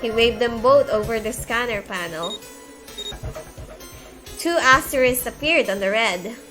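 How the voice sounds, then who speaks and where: High bright-voiced woman streamer. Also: unhurried, faint music behind. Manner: chatty asides between read passages. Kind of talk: reading a visual novel aloud with commentary.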